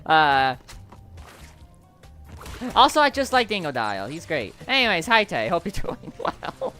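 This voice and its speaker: Male streamer, casual gameplay chatter, self-correcting, animated and bright. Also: fairly high pitch, a little slow, soft background music.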